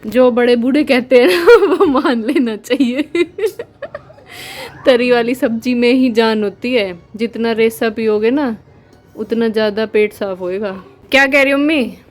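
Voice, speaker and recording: A woman's voice: a little high, unhurried, soft background music. A young woman chatting casually in a family vlog, teasing and laughing often as she films around her home. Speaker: vlogger.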